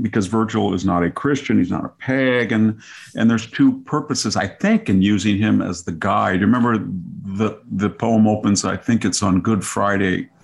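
A man's voice: lowish voice, vocal fry. An older man giving a conversational academic explanation in a professorial, digressive way, often rephrasing himself. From grew up on a farm. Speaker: scholar guest explaining classics.

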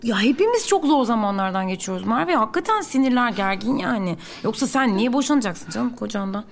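An actress playing a weary, irritable older sister who talks in a brusque, exasperated way. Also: female voice, on the high side, lively intonation, fairly quick, vocal fry. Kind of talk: audio drama acting.

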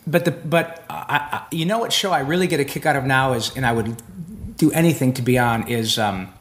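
Fairly quick and medium-pitched, the man is a guest voice actor in a relaxed interview on a convention floor. His stories run long and lively, scattered with fillers and false starts.

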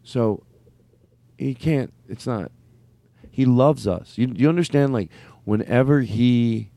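This thirty-something man hosts a comedy podcast, his mid-range voice slow, gravelly and mellow, with no echo. His improvised banter is rambling and playful. He stammers and laughs as the jokes come.

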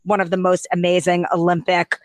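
A woman's voice: on the low side, completely flat delivery, a little fast, dry recording. A woman hosting a beauty podcast, chatting in an effusive, rambling way with lots of fillers. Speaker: podcast host and beauty editor.

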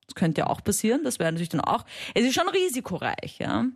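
A woman's voice: on the high side, huge pitch swings, fast talker, slightly rough, no echo, clean studio sound. A woman hosting a sex advice radio show, speaking frankly and reassuringly to callers. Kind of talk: advice call-in talk.

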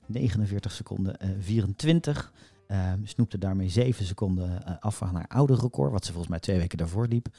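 Co-host: man, lowish voice, hesitant and filler-heavy, dry close recording. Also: fairly quick, creaky, hardly any pauses, warm tone, dry recording. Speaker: podcast co-host, voice expert. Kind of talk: casual discussion.

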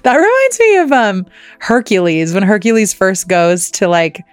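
A woman's voice: mid-range voice, sing-song, normal speed, clear, resonant tone, no echo, soft background music. A woman co-hosting a podcast, telling stories in casual chat with lots of "like" and free swearing. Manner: chatty storyteller, swears freely, lots of "like". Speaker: podcast co-host.

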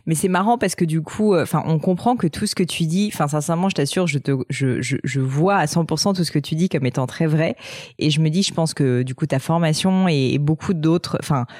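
Woman host for a relaxed interview chat; loose, filler-heavy, dry and close. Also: sits low, fairly quick, dry recording. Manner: chatty, many fillers and restarts. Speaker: podcast host.

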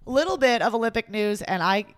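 A woman's voice: fairly high pitch, lively intonation, brisk, dry recording. A woman hosting a weekly sports news roundup in a chatty, amused way, laughing between stories.

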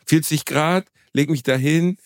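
A man's voice: fairly high pitch, unhurried, no room sound, studio quality. A man from Germany co-hosting a podcast, joking and playing dumb in casual chat. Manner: playful, mock-naive, joking. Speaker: podcast co-host.

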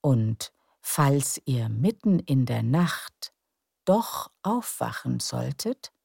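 A woman narrating sleep stories for adults in a hushed, calm, soothing, breathy and creaky voice, often close to a whisper. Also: sits low, no room sound. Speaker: sleep story narrator and podcast host. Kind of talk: soothing scripted bedtime story narration.

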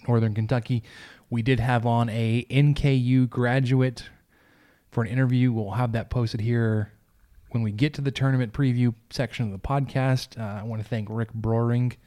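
A man from Texas with a gentle giant voice, hosting a sports podcast in a loose, informal, conversational way. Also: mid-range voice. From Texas, United States. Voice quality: gentle giant voice, soft and big. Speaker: podcast host. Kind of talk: casual sports podcast chat.

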